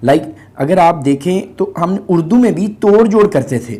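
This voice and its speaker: A man's voice: high-pitched, expressive, normal speed, dark tone. A man with a Pakistani accent teaching an English class, breaking words into letters and sounding them out, switching between Urdu and English. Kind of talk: classroom lesson explaining pronunciation and grammar.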